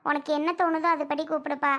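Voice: sits high, level tone, fast. A performer playing a kind, motherly aunt in an amateur family drama skit, consoling and tender. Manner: warm, consoling. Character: kind motherly older woman, the groom's aunt.

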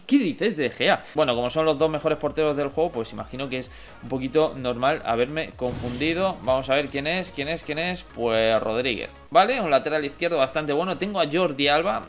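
Excitable young man, gameplay commentary. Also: on the high side. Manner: excitable, talks to viewers and players, bursts of shouting. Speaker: gaming YouTuber. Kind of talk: mobile football gameplay commentary.

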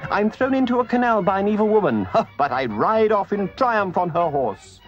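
Toad, a man doing a squeaky vain toad. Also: wildly swooping pitch, moderate pace, dull audio, faint music behind, exaggerated voice. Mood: boastful. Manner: high-pitched, flustered, stammering and pompous. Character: boastful excitable male toad, vain and greedy.

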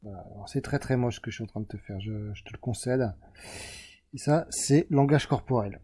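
French male host, casual self-correcting explainer, very dark timbre. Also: mid-range voice, brisk, husky. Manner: rambling, self-correcting, talks to the viewer as "tu". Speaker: self-help video host. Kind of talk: casual explanatory monologue while drawing a chart.

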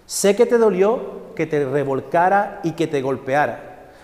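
A man doing a calm, patient master potter. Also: a little high, a little slow. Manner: calm, firm refusals. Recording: echoey hall.

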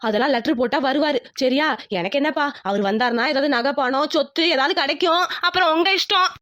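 A woman voicing a bold, cunning young village wife who nags loudly and insistently in a cartoon. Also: high-pitched, brisk, no echo, clean studio sound. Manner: loud, insistent, nagging. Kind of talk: cartoon voice acting.

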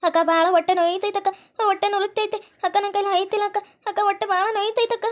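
Woman voicing a pleading young pregnant woman, North Karnataka accent, very high and fast. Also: fairly even intonation. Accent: North Karnataka Kannada. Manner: pleading, repetitive.

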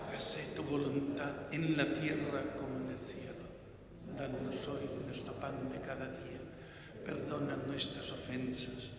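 Solemn priest in an echoing church. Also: male voice, fairly high pitch. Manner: solemn, measured liturgical recitation. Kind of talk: celebrating Mass. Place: large church, indoors at the altar. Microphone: stand mic on the altar. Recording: echoey church with long reverb.

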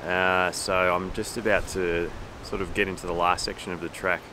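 A man's voice: low-pitched, flat delivery, normal speed. A man, chatting easily with fillers while walking a windy forest trail, filmed on a camera held at arm's length. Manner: easygoing, meandering, with many fillers. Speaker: hiking vlogger. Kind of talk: casual walking commentary. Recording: background music over outdoor audio. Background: clear music.

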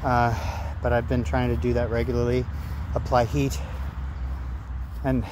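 A middle-aged man talking casually to his phone outdoors in a halting, phrase-by-phrase way, as an amateur runner making a vlog. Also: medium pitch, flat delivery. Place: outdoors among trees. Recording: noisy outdoor ambience with traffic. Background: outdoor and vehicle noise.

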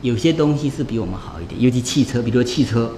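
Animated monk giving a chatty lecture. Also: male voice, medium pitch, quick pace, a little hiss or hum. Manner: animated, chatty, full of rhetorical questions. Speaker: Buddhist monk teaching. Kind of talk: conversational dharma lecture.

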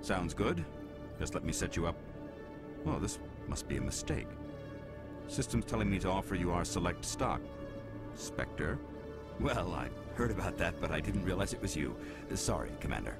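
A man's voice: sits low, big pitch swings, moderate pace, long pauses. An actor playing a polite, businesslike male requisitions officer in a video game. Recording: game audio under loud music.

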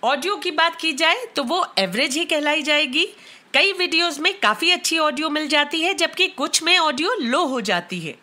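A woman with an Indian accent reviewing tech products, explaining in a clear, matter-of-fact way. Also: high-pitched, animated, moderate pace, sharp tone. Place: bedroom at home.

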